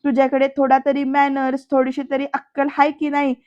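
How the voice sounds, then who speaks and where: Woman doing a sarcastic scolding wife, high voice, dry dull recording. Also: monotone, brisk, a little mellow, dry recording, lightly acted. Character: sharp-tongued scolding wife.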